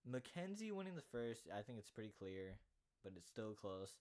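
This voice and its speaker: A man's voice: on the low side, very animated, normal speed, a little mellow. A young man hosting an MMA recap, ranting heatedly and indignantly with casual swearing. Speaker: MMA podcaster.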